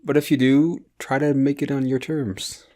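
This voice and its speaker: A man's voice: mid-range voice, little pitch movement, normal speed, warm tone. A man co-hosting a comedy podcast in casual chat, dropping dry, laid-back quips. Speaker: podcast co-host.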